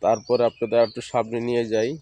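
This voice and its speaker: A man's voice: medium pitch, monotone, fast, dark tone, slight background noise. A man from Barisal with a Barisal Bengali accent, casually narrating a walk through village fields and explaining local words to viewers. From Barisal, Bangladesh. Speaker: village video host. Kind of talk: casual walking tour narration. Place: outdoors among village fields in the morning.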